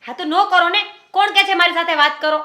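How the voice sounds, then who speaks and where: A young woman acting a touchy, sharp-tongued sister-in-law who defends her fight with a neighbour, in a family drama. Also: very high-pitched, fairly even intonation, fast talker. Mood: huffy. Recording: roomy echo.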